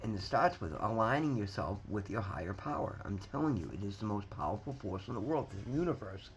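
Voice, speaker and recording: A man's voice: on the low side, lively intonation, fairly quick, lo-fi sound, slight background noise. A man in his fifties giving an earnest, rambling motivational talk to his viewers, often restarting sentences and repeating words as he goes. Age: 50s. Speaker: vlogger sharing recovery story. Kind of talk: casual motivational talk to camera.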